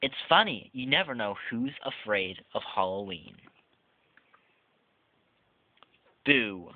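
In a storybook read-aloud, a man takes on a playful little girl who isn't afraid of anything on Halloween, coaxing and chirpy as he goes. His natural, mid-range voice has lively intonation and a moderate pace, captured in tinny, phone-like lo-fi audio without room sound.

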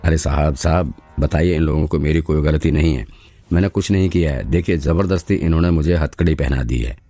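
A man's voice: extremely low pitch, a little fast, warm tone, faint music behind. A man voicing a babbling crackpot suspect. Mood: pleading. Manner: pleading, rambling, boastful.

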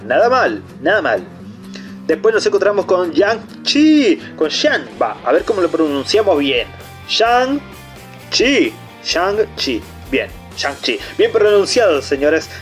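Chatty Argentine man with a lively voice. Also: a little high. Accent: Argentine Rioplatense Spanish. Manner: chatty, rambling, enthusiastic. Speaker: unboxing channel host. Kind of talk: casual unboxing commentary.

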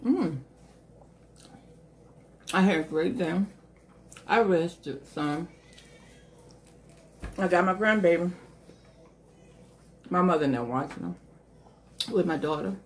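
A woman's voice: fairly low pitch, expressive, slow, long pauses, a little hiss or hum. A middle-aged woman vlogger chatting casually to viewers at home while eating, mouth partly full, rambling from one thought to the next. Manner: rambling, talks to viewers as y'all.

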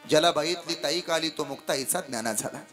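A man preaching a devotional kirtan sermon before a live audience. He tells stories dramatically, dropping to hushed asides and then rising into loud declamation. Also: on the high side, fairly quick, over music.

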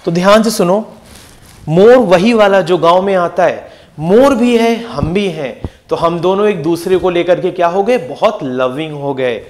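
A young man teaching English vocabulary for exams in an energetic lesson, repeating each word and firing quick questions at his students. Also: high-pitched, slight background noise. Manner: lively, repeats words and asks quick questions to the class. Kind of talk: energetic exam-prep lesson.

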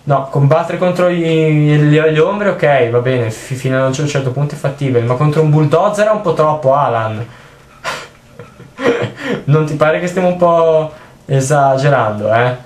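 A young man giving jokey, excitable let's play commentary while he plays, swearing often. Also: on the high side, moderate pace. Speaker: gaming video host. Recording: roomy with faint noise.

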